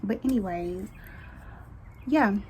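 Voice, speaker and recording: Young woman, late teens, casual storytime vlog, chatty, candid, middle pitch, faint room hum. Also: darkish tone, rough recording. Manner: chatty, addresses viewers as y'all; candid, colloquial, quick asides. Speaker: vlogger. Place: at home, baby nearby.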